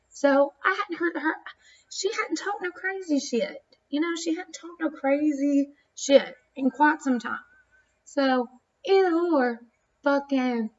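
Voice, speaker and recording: High-pitched woman, casual swearing vlogger, muffled home-camera sound. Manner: profane, rambling, self-conscious on camera. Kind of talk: casual storytelling vlog.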